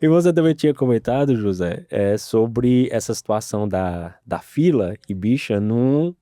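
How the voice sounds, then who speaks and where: A man's voice: mid-range voice, animated, normal speed, dark tone, no echo, clean studio sound. Friendly Cearense man hosting. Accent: Cearense Brazilian Portuguese. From Ceará, Brazil. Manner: friendly, affirming. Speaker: host. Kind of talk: casual interview.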